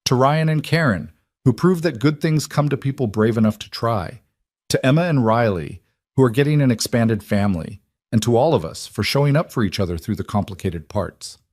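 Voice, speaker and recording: A man's voice: mid-range voice, expressive, normal speed, a little mellow, no room sound, studio quality, close to an everyday voice. A man voicing a friend who gives a ceremonious celebratory toast in a storybook reading.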